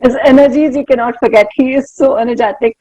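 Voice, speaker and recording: A woman's voice: high voice, steady tone, fast talker, dark tone, highs cut off. A woman interviewing conversationally as a journalist, effusive and given to repeating herself.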